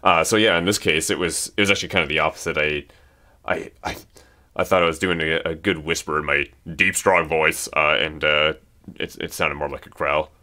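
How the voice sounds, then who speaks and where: Man, casual commentary, low but bright, hesitant and rambling. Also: fairly even intonation, brisk. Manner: rambling, hesitant, many restarts. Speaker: music creator.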